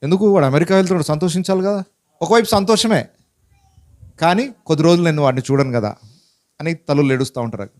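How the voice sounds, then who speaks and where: A pastor preaching a Bible-teaching sermon in a conversational way, asking many rhetorical questions and mixing in English words. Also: male voice, on the high side, fast talker, pauses often, a little mellow. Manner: mixes English words into his speech.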